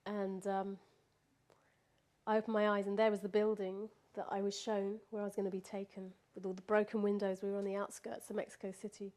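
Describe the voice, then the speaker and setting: A woman's voice: medium pitch, little pitch movement, a little fast, a little mellow. A woman recounting a personal experience in casual spoken storytelling, laughing often and restarting her sentences.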